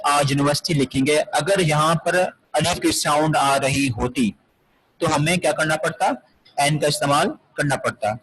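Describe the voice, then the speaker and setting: Husky-voiced man teaching grammar step by step. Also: on the high side, a bit bright, rough recording. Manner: explains step by step, repeating key words and asking rhetorical questions. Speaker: English teacher. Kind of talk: classroom grammar lecture.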